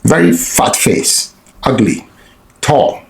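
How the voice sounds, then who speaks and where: Gravelly man telling a blunt story. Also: mid-range voice, animated, slow pace, reverberant, rough recording. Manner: blunt and profane, many restarts. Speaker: vlogger. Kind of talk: casual storytelling monologue.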